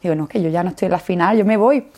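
A woman's voice: on the low side, rapid-fire, dark tone. A young woman from Jerez with an Andalusian accent, a flutist guest in a casual interview, telling her story with animation, acting out what she said back then and laughing often. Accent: Andalusian Spanish. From Jerez, Spain.

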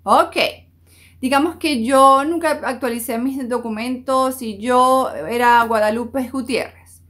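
A woman's voice: high voice, takes it slowly, a bit bright. A woman giving job-search advice in a conversational style, speaking straight to her listeners and switching into English to act out phone calls. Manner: conversational and explanatory, addressing listeners directly. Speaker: career and job-search advisor. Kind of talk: direct-to-camera advice talk.

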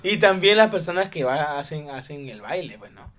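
A man's voice: a little high, animated, normal speed, a bit bright. A man co-hosting a podcast in casual chat, joking and teasing, laughing often. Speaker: podcast co-host.

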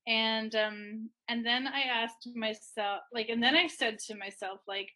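A woman's voice: fairly high pitch, fairly even intonation, unhurried, pushed and bright. A woman speaking as a podcast guest in a candid, casual way, often voicing her own thoughts as dialogue. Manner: candid, conversational, talks in imagined self-dialogue.

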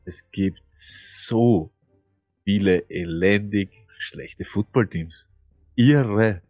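A man's voice: fairly low pitch, very slow, a little mellow, dry recording. A man co-hosting a fantasy football podcast, telling things emphatically and animatedly. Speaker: podcast co-host. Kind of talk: casual fantasy football chat.

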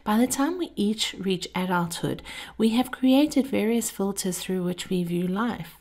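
A woman hosts a podcast, delivering a scripted motivational monologue in an intimate, measured style, her breathy voice often sinking to a whisper. Her pitch is medium and her tone darkish, yet she sounds animated.

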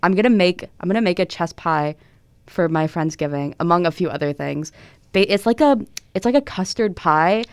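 Young woman co-host, smooth and lowish, chatty storyteller. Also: expressive, moderate pace, no echo. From Tennessee. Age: 20s. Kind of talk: casual chat.

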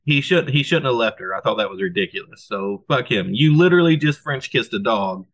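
A man with a bright, sharp-edged voice recounting a movie plot. He hesitates with fillers, then lands blunt, profane verdicts. The talk is casual and unpolished. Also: mid-range voice, lively intonation, brisk. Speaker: podcast co-host. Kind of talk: casual movie review chat.

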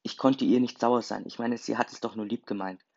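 A man's voice: mid-range voice, fairly even intonation, a little fast, gravelly, a little mellow. A man narrating a first-person story in an earnest, emotional reading. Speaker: story reader. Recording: slightly dull lo-fi recording.

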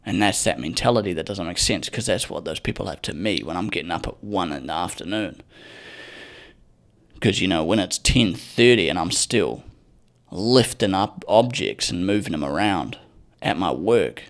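On his solo podcast, a young male host rants casually with a low voice, lively intonation, and a moderate pace. His talk wanders, swears freely, and carries a sardonic edge.

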